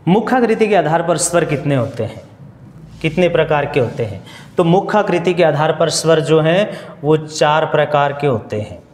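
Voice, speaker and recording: A man teaching Hindi grammar in a slow classroom style, asking questions and answering them himself and going over each point again. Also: fairly high pitch, animated, a little mellow, reverberant, in a large hall. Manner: repeats and restates points, asks questions then answers them. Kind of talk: slow, repetitive classroom explanation.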